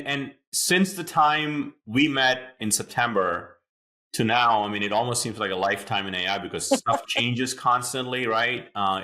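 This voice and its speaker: A podcast host in a conversational interview explains things at length, enthusiastic and chatty, with lots of fillers. His voice is on the low side, pushed and bright.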